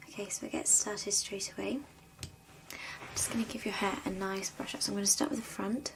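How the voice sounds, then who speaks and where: Softly whispering woman, ASMR hairdresser. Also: mid-range voice, flat delivery, vocal fry, poor audio. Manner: soft whispering, slow and gentle. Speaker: hairdresser in a roleplay. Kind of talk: ASMR roleplay.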